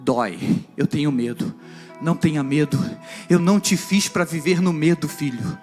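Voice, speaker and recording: A man's voice: fairly high pitch, normal speed, faint music behind. A man with a Brazilian Portuguese accent preaching a sermon, acting out the lines of a personal story and speaking directly to the congregation. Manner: acts out dialogue from a story, addressing the congregation directly. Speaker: pastor.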